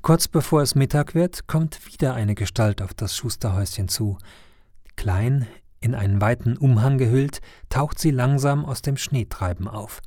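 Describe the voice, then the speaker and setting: A man narrating a children's Christmas story in a gentle storytelling manner. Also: mid-range voice, dry recording, studio quality. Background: faint music.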